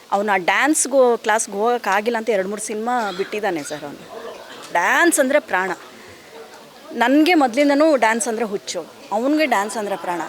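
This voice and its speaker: A middle-aged actress with a Kannada accent, speaking with heartfelt, measured emotion about her late son in an interview. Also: on the high side. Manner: heartfelt, measured, often addresses interviewer as sir. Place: outdoors at an event with a crowd. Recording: crowd noise behind.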